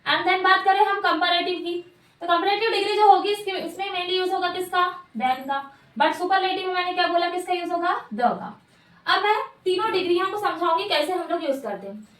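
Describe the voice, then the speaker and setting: A woman's voice: extremely high pitch, a little fast, fairly bright tone. A woman teaching a grammar lesson, asking questions and answering them herself and repeating key words. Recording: echoey room, mic at a distance.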